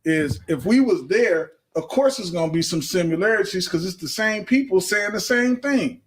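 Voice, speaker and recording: A man's voice: high voice, expressive, normal speed, slight background noise. A man who is a guest in a casual chat, laid-back and talking in loose run-on sentences.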